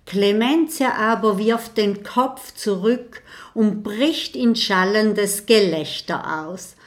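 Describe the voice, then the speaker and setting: A woman narrating a children's audiobook in a calm storytelling manner. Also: mid-range voice, slow.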